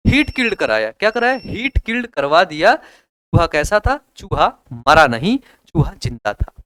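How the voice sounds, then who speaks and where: A young man teaching biology with a Hindi accent, his voice high and smooth. He lectures casually, throwing questions at students and joking between points. The sound is dry and close. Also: big pitch swings, measured pace, a bit bright, dry recording. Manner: chatty, repeats questions to students, jokes.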